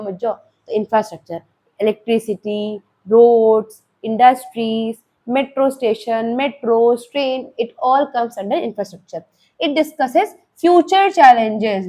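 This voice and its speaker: Mixing Hindi and English in a classroom lecture, this young woman teacher has an Indian accent and a little high voice with a darkish tone. Her manner with students is conversational, and she checks in with them often.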